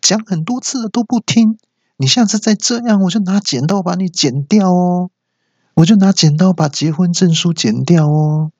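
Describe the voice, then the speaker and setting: A man's voice: high voice, normal speed, husky, no room sound, pitched above the performer's own voice. A man voicing a middle-aged wife who nags and threatens her husband in a whiny, sing-song scold, in a slightly dull lo-fi recording. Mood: nagging.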